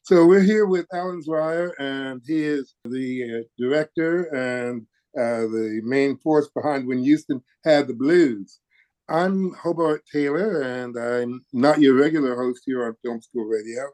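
A man's voice: mid-range voice, a little slow, a little mellow. A man hosting a radio interview, asking hesitant questions full of fillers. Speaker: radio music director and guest host.

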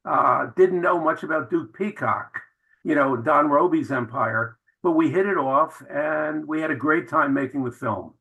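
Bright-voiced man telling lively anecdotes. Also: fairly high pitch, a little slow, gravelly, highs cut off. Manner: enthusiastic, anecdotal storytelling. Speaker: film director. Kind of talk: radio interview answers.

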